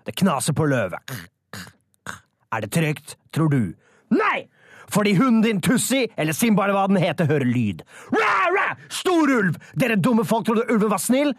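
A man playing a bumbling rural party leader who performs a melodramatic radio play full of roars and sound effects, with a husky voice. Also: high voice, very animated, dry recording, clean studio sound, exaggerated voice. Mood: frantic dramatic. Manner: wildly melodramatic, roaring animal noises and sound effects. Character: bumbling rural male politician, overzealous anti-wolf crusader. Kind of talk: comedy sketch, mock radio play.

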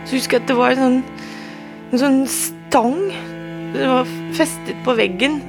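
Woman telling her own story on radio, creaky voice, lots of fillers and restarts, soft music underneath. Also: high voice, fairly even intonation. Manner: hesitant, many fillers and restarts. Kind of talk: personal recollection in a radio documentary.

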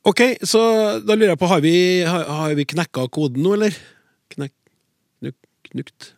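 A man's voice: on the high side, lively intonation, creaky, a little mellow, dry recording, clean studio sound. A man hosting a radio language program, playful and chatty with his guests. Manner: playful, chatty, reads listener letters aloud. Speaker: radio show host. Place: radio studio.

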